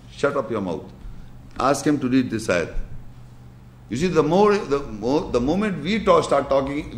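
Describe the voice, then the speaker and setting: A man's voice: medium pitch, echoey room. A man preaching a sermon, speaking emphatically and reciting scripture in chanted Arabic, his voice climbing when he quotes. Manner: emphatic, voice rising sharply when quoting.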